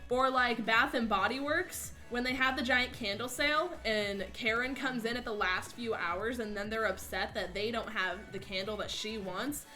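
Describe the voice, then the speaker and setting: A young woman streamer tells stories in an easy, chatty way. She acts out the people she quotes in mocking voices. Her voice is bright and fairly high, with soft music playing behind her. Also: normal speed, hardly any pauses. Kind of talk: casual chat storytelling.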